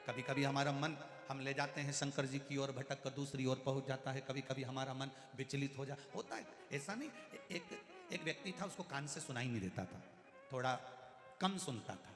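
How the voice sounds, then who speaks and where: A man with a Madhya Pradesh Hindi accent giving a devotional sermon before a large religious gathering, telling stories in a folksy, animated way. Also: medium pitch, normal speed. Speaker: religious storyteller. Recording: echoey hall with faint music.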